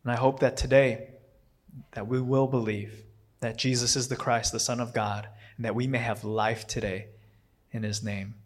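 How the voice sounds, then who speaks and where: A non-native English-speaking man delivers a casual, rambling sermon, frequently stopping to correct himself amid fillers and restarts. His voice is medium in pitch, level in tone, and moves at a moderate pace.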